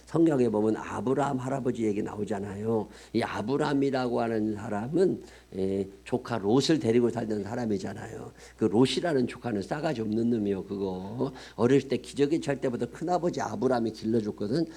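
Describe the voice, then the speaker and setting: Male revival preacher, mid-pitched, blunt and folksy, call-and-response lines. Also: a little fast, creaky, husky. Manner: folksy and blunt, leads call-and-response, swings loud for emphasis. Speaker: pastor. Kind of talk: revival sermon. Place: church sanctuary.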